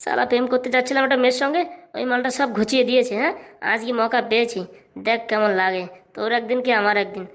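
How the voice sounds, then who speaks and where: This is a cocky young nephew in a cartoon who boasts and schemes, played by a woman. He talks very fast, with a swaggering, bossy push behind his words. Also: fairly high pitch, fairly even intonation, pitched below the performer's own voice, natural voice. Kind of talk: cartoon voice acting.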